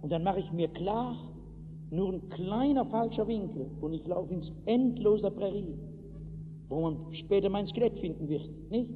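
A man preaching an evangelistic sermon to a hall, telling stories from his own life and breaking into acted shouts. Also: high-pitched, unhurried, music in the background. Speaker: pastor. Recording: tinny lo-fi hall recording with hiss.

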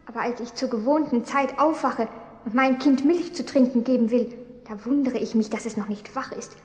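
A woman's voice: fairly high pitch, normal speed, a little mellow, muffled recording, close to an everyday voice. A woman playing a young mother who pleads emotionally for her baby. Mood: pleading. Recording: reverberant hall echo.

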